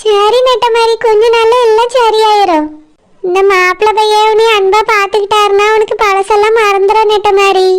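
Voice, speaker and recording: Cartoon village friend, gentle and comforting, Kanyakumari accent, very high voice, woman voicing. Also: level tone, a little fast. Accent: Kanyakumari Tamil.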